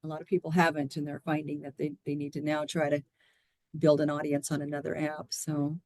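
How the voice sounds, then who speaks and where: A woman's voice: deep voice, completely flat delivery, fairly quick, a little mellow, no room sound. A woman giving earnest, explanatory answers as a guest in a conversational interview. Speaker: podcast guest, hospice nurse and educator.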